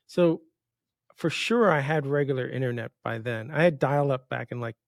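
This podcast host, a man in his fifties from New York, rambles through stories during a casual interview, often breaking off his own sentences. His mid-range voice has vocal fry and a normal speed, in clean studio sound without room noise.

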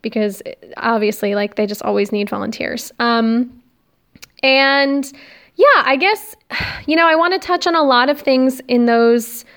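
A woman's voice: on the high side, measured pace, a bit bright, clean tone. A young American woman with a slight lisp from new braces, talking casually and confessionally as a solo podcast host into her phone, rambling and self-deprecating. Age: young adult. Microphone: recording on a phone.

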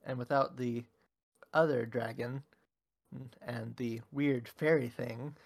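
A man's voice: mid-range voice, fairly even intonation, slow pace, gravelly. A man co-hosting a casual chat, teasing and a little theatrical. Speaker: channel co-host.

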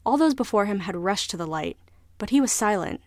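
A woman narrating a scripted story in a measured, even way. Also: mid-range voice, dry recording, clean studio sound.

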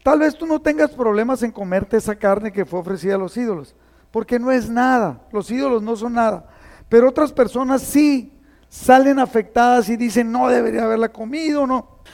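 A man's voice: extremely high pitch, moderate pace, darkish tone, long reverb tail. A man preaching a conversational sermon in a church, asking the congregation questions as he reads scripture. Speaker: pastor.

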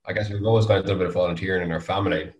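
A man's voice: low voice, steady tone, very fast, darkish tone, highs cut off. A man with a west of Ireland accent chatting casually as an interview guest, loosely phrased and full of filler phrases. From Galway, west of Ireland. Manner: hesitant, frequent 'you know' and 'kind of' hedging. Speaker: guest, volunteer youth mentor. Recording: roomy, echoey sound.

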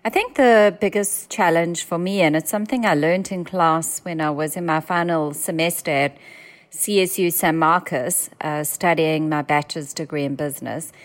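A young woman with a South African accent, a founder describing her business in an interview in a fluent, steady way. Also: on the low side, normal speed. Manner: fluent, steady, with occasional ums.

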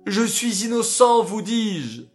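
An earnest young army captain protests his innocence with proud conviction, as a man puts him on. The pleading lines come slow and slightly raised. Faint music sits underneath this storybook scene. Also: fairly high pitch, expressive.

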